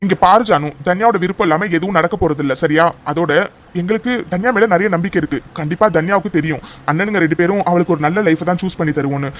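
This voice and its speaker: Man voicing a quick-talking, high-voiced big brother. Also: close to an everyday voice. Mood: reassuring. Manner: reassuring but firm, talks fast. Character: confident older brother arranging his sister's marriage. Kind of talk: dubbed cartoon family drama.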